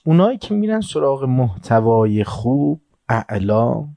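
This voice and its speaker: A man gives a religious lecture in a room before a seated audience, telling stories with quoted dialogue and recited Arabic, and swinging between soft asides and emphatic points. His medium-pitched voice is creaky and very animated, with no echo.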